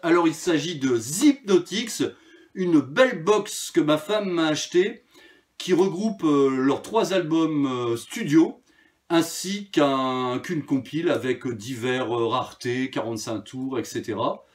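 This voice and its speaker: Chatty man with a slightly high voice. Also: a little slow. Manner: chatty, hesitant with frequent fillers. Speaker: vinyl collector presenting records. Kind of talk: casual video chat.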